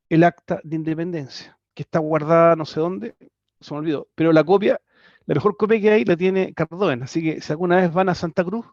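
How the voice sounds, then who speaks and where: A man's voice: a little high, a little mellow, no room sound. A man with a Chilean accent teaching a history class online, talking conversationally with frequent tag questions and restarts. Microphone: computer mic on a video call. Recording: dry, slightly dull video call audio.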